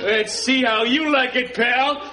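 An actor playing a chatty, bumbling know-it-all barfly in a sitcom, long-winded and hesitant, jokey and needy. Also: male voice, extremely high pitch, unhurried, over loud music. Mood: indignant. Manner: pompous, long-winded, hesitant with filler words. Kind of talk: sitcom acting before a live audience. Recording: loud studio audience noise and laughter.

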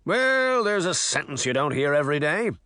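Man voicing a boastful magic mirror, pompous, higher voice, swooping delivery, dry sound. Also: very animated, normal speed, sharp tone, clear, resonant tone, no room sound. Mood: theatrical. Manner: pompous, showy bragging. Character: vain, theatrical male magic mirror face.

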